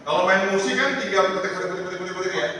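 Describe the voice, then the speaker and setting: A man's voice: high-pitched, racing, sharp tone. A man teaching a singing lesson, asking his class many questions in a chatty way. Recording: echoey hall, mic far off, noisy.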